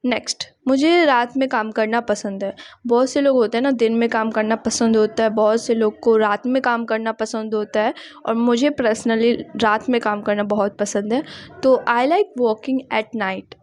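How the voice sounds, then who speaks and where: Brief: young woman, English tutor, slow and clear, slightly high voice, dry close sound. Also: steady tone, no room sound. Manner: slow careful repetition of example sentences; mixes Hindi explanation with English phrases. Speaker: English teacher. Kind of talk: spoken English lesson.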